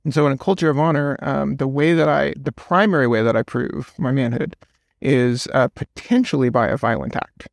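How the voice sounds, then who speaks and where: Gravelly man explaining at length. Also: mid-range voice, normal speed, dry recording. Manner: explains at length, storytelling with quoted voices. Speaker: podcast guest. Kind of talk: casual conversation.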